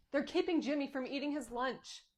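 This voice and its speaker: A woman's voice: high voice, a little slow, a little mellow, voice pushed up. A woman playing an entitled school mom who talks in a demanding, indignant way.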